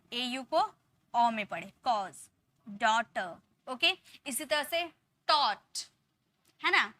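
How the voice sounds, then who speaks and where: This is a woman with a high, bright voice teaching an English phonics lesson. She lays out each spelling rule slowly, then runs through the example words one by one, checking in with the viewer often. The sound is close and dry, with no room around it. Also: dry recording.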